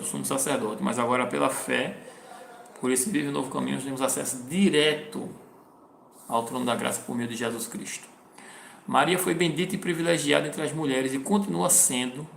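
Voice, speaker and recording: A man's voice: mid-range voice, gravelly, a bit bright, echoey room, a little hiss or hum. A man teaching from the Bible, reading verses aloud and then explaining them plainly. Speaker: preacher.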